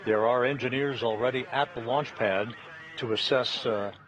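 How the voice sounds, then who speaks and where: A man giving live launch commentary from mission control in a halting, deliberate, matter-of-fact way. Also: medium pitch, a bit bright. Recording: dull broadcast audio, faint noise.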